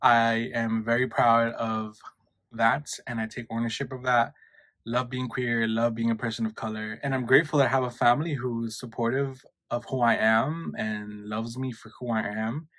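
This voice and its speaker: A man's voice: mid-range voice, steady tone, normal speed, a bit bright, no room sound. Chatty young New man, dry sound. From New York, USA. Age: 20s. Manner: chatty, switches between English and Spanish. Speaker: YouTuber. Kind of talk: casual mukbang vlog.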